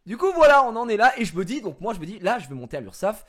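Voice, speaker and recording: A man telling a story in a casual vlog, rambling with fillers, using crude slang and breaking into mock-indignant shouting. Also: high-pitched, very animated, fast. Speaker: streamer.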